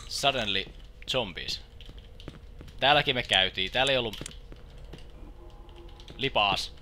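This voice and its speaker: A young man giving casual game commentary, swearing often and shouting English exclamations when excited. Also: mid-range voice, a little hiss or hum. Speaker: lets play gamer. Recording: loud in-game gunfire. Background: game gunfire and clicks.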